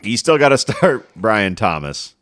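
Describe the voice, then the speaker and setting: A man's voice: on the low side, sing-song, unhurried, a bit bright, no echo, clean studio sound. A man co-hosting a fantasy football podcast in casual, joking banter. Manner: joking, swears freely, teasing. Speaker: podcast co-host.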